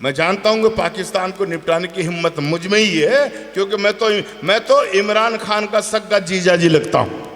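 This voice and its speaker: A man, a poet, declaiming patriotic verse at a live poetry gathering in a fiery, shouting manner. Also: high voice, normal speed. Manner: fiery, shouted declamation with emphatic repeated lines. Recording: long hall-like reverb from live PA.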